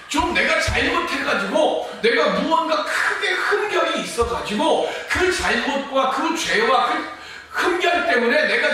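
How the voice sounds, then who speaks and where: A man preaching a Sunday sermon as pastor, passionate and swinging between loud emphatic stretches and hushed ones. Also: extremely high pitch. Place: church sanctuary. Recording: very echoey church room, voice from a distant mic, faint hiss.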